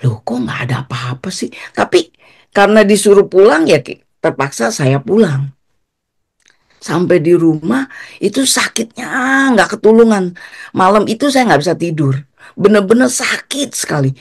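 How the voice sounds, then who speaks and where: A woman giving a personal testimony as a guest, telling her story in an animated way and acting out the quotes. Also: normal speed, breathy edge. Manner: animated, acts out quotes with pitch jumps.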